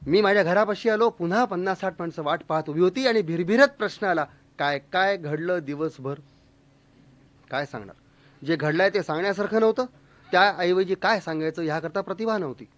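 A man telling a humorous story in a lively, expressive, mock-dramatic way. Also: high voice, fast, no echo.

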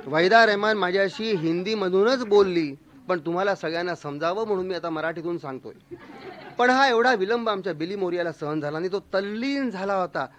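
A man telling a humorous story in a lively, expressive, mock-dramatic way. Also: high-pitched, fairly quick, slight background noise.

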